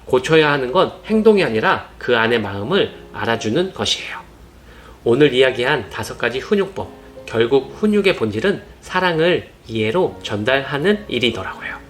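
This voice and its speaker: Male narrator, mid pitch, earnest gentle advice read over faint music. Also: sing-song, moderate pace, slight background noise. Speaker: parenting channel narrator. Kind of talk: scripted narration. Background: soft background music.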